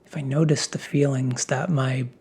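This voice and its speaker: Casting: male ASMR host, very breathy hushed voice, half-whispered reflective pep talk, mid pitch. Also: steady tone, moderate pace.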